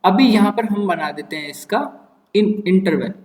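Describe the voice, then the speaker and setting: Man, maths teacher, online lecture, high voice, questioning manner, roomy echo. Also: measured pace, a little mellow, far from the mic. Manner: explanatory, asks the students rhetorical questions; mixes English maths terms into Hindi.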